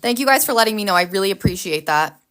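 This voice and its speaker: Bright, chatty woman hosting a livestream. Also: mid-range voice, animated, fast. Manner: chatty, upbeat, reacts to chat comments. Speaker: planner livestream host. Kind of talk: casual livestream chat.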